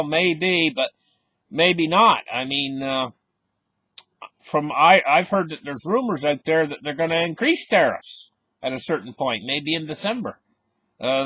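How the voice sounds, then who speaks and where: A man's voice: on the high side, fairly bright tone, no room sound. A man giving casual market commentary, reading out headlines and stressing words with a skeptical, offhand manner. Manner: casual grammar, frequent fillers.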